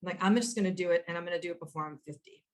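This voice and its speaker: A woman in her fifties, a podcast guest telling stories in an animated way, often quoting herself and restarting sentences, over a video call. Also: on the low side, racing. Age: 50s. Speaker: guest, author and entrepreneur. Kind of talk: conversational storytelling.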